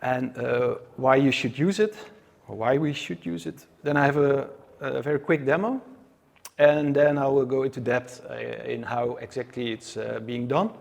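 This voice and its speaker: A Dutch man with a Dutch accent gives a live talk to an audience in a conference room. His medium-pitched voice is darkish with vocal fry, and he's hesitant, full of filler sounds and restarts.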